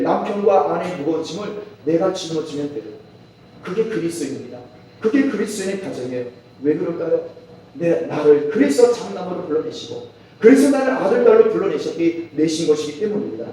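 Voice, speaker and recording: Male pastor, fervent sermon, high mellow voice, distant mic in a very echoey hall. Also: a little hiss or hum. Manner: fervent, rising to impassioned pleading. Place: church sanctuary. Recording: echoey church hall from far off.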